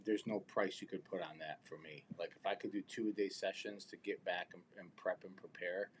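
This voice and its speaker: A man's voice: low-pitched, fairly even intonation, a little fast, a little hiss or hum, poor audio. A man over forty hosting a podcast, asking his guest plain questions in a casual way. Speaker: podcast host.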